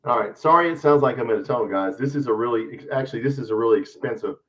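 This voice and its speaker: A man's voice: medium pitch, fast, fairly bright tone. A man hosting a live stream, chatting casually through a headset mic that makes him sound hollow, as if in a tunnel. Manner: rambling, troubleshooting aloud. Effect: hollow echoing tunnel sound from a faulty mic. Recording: muffled, distant, dull headset audio.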